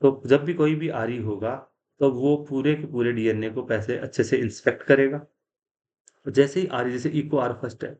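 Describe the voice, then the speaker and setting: Teacher quizzing himself through a biology lecture. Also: male voice, medium pitch, normal speed, darkish tone. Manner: explains step by step, asks and answers his own questions; mixes English science terms into Hindi. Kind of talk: classroom lecture.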